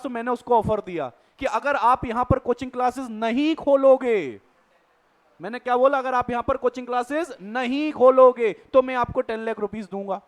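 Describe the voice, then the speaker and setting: A man teaching an exam revision lecture, reading definitions out slowly and then explaining quickly, asking the class rhetorical questions. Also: very high-pitched.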